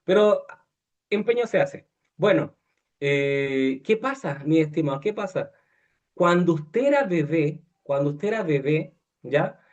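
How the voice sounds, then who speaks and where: Preaching in a chatty style, a man keeps stumbling into fillers and restarts, often asks his listeners questions, and voices the people he quotes. He speaks with a fairly high pitch, animated but unhurried, on dull-sounding audio.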